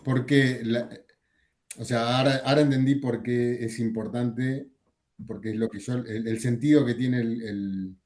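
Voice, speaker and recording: A man's voice: medium pitch, steady tone, measured pace, darkish tone. A man, a student, asking a question in class and restarting as he thinks aloud.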